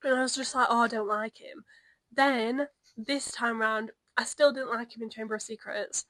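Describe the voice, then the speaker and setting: Animated young woman, dry sound. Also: on the high side, normal speed, dry recording, poor audio. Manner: animated storytelling, acts out her own past reactions. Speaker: podcast co-host. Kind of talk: casual chat.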